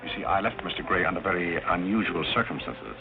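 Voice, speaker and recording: An actor playing an unflappable, courteous butler in 1930s film screwball comedy banter, deadpan and formally polite. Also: male voice, low-pitched, fast talker, music in the background. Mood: guarded, discreet. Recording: tinny narrow 1930s film soundtrack.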